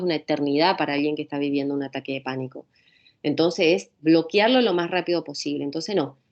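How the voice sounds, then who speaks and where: A woman with a Rioplatense Spanish accent giving an informal pharmacology lecture. She talks conversationally, repeats calming phrases and often asks rhetorical questions. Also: fairly low pitch, dull audio.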